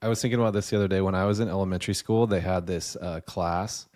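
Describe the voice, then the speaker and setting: A man's voice: low-pitched, fairly even intonation, quick pace, a little mellow. A man co-hosting a podcast, telling a joking story in casual chat. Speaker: podcast co-host.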